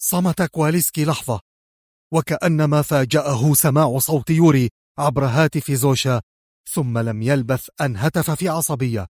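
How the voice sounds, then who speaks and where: A man narrating a spy thriller audiobook in a steady, tense storytelling manner. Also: on the high side, moderate pace, no echo, clean studio sound.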